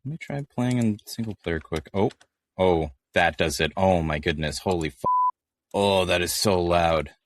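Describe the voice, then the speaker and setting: A man's voice: deep voice, moderate pace, a little hiss or hum. A man co-hosting a casual gaming podcast, chatty and jokey, rambling playfully. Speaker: podcast co-host.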